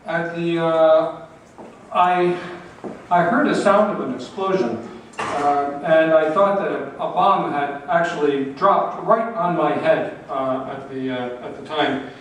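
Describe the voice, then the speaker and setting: A man interpreting a talk into English, searching for words with halting restarts. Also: fairly high pitch. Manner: halting, many fillers and restarts. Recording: echoey hall from far off with faint noise.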